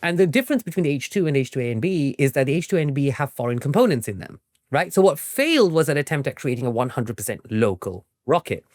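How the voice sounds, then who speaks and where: An academic author and historian, appearing as an expert interview guest, gives explanatory answers and frequently caps his points with a questioning "right?". His mid-range voice is sing-song, fast and a little mellow, recorded dry at studio quality.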